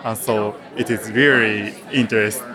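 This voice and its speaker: A man's voice: lowish voice, steady tone, unhurried, a crowd in the background. A man from Japan, a PhD student introducing himself at a meeting in a plain, slightly hesitant way.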